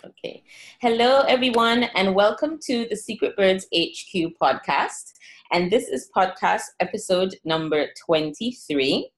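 A woman's voice: medium pitch, expressive, a little slow. A woman hosting a podcast interview in an upbeat, encouraging way. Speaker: podcast host.

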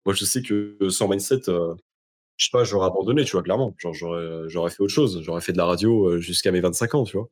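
Speaking quickly in a low voice, a young man from France gives a relaxed interview as the guest. It's casual conversation, loose and slangy, and he repeats things for emphasis.

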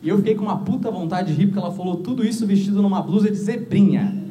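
A man's voice: high-pitched, fast, dark tone. A man performing a stand-up set, telling a crude dating story with punchlines. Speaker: stand-up comedian. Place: comedy club stage. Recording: echoey comedy club.

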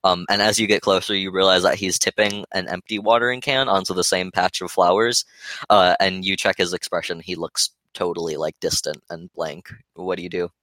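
A man's voice: sits low, steady tone, brisk, bright, forceful tone, dry recording. A man running a tabletop game as game master, narrating in a rambling way full of fillers and restarts.

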